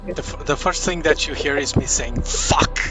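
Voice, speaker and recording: A man's voice: on the high side, brisk, over loud music. A man playing in a tabletop game, joking with the others. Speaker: player. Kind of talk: casual tabletop play.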